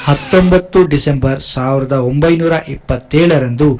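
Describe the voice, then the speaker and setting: Male narrator, formal and measured, slightly high voice, music behind. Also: a little mellow. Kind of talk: scripted narration.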